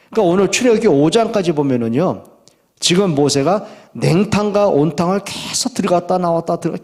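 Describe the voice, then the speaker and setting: A man preaching a sermon as pastor, reading scripture slowly and acting out quoted complaints with a raised voice. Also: a little high, a little mellow. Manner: reads scripture slowly and deliberately.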